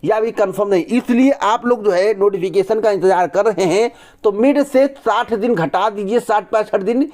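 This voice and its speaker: A man's voice: high voice, a little mellow. A man hosting an exam news channel, talking straight to his viewers in an emphatic way and pressing his points with rhetorical questions. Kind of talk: direct-to-camera news commentary.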